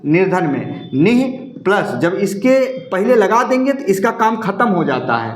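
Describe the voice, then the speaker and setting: A man teaching Hindi grammar for exam prep, in a fairly high voice that rings around an echoey room. He explains step by step, repeating each rule and talking straight to his students. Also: very animated, unhurried. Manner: repeats and drills rules, addresses viewers as students.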